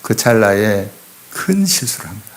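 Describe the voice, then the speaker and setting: A man's voice: fairly low pitch, big pitch swings, moderate pace. A middle-aged man preaching an expository sermon in church, emphatic and full of rhetorical questions to the congregation. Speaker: pastor. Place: church sanctuary.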